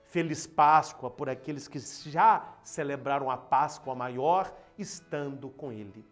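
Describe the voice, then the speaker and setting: Brazilian Portuguese male priest, emphatic sermon storyteller, unhurried, light instrumental music behind. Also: mid-range voice. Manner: slow, dramatic, emphatic storytelling. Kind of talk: Easter sermon with a spoken parable.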